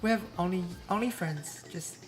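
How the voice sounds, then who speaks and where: A woman's voice: on the low side, normal speed, music in the background. A woman streamer in casual chat, talking loosely with lots of restarts and dry jokes.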